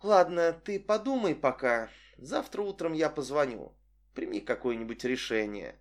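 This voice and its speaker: A man reading an audiobook voices a manipulative young woman who speaks in a cool, flat, matter-of-fact way. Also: a little high, moderate pace. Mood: insistent.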